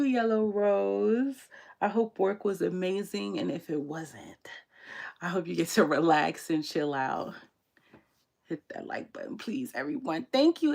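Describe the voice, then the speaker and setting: A woman with a low, gravelly voice hosts a casual tarot livestream. She reads viewer comments aloud and talks in a relaxed, slangy way between card pulls. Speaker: tarot reader hosting a livestream.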